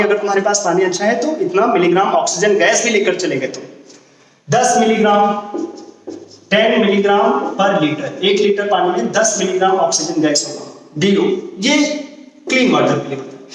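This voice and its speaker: Male chemistry teacher, high voice, repeats and quizzes himself, recorded from afar in a long-reverb room. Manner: explains with questions and repetition, mixing Hindi and English terms. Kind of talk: classroom lecture. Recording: echoey room, voice from far off.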